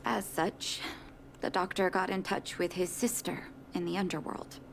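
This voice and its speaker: A woman voicing a doctor in a video game, telling a story in calm, measured dialogue. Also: fairly low pitch, creaky, slight background noise.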